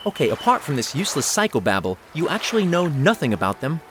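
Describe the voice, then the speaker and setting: A lively, sarcastic young wizard. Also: male voice, a little high, fast talker, music in the background. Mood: dry, flippant. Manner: sardonic, grumbling, flippant.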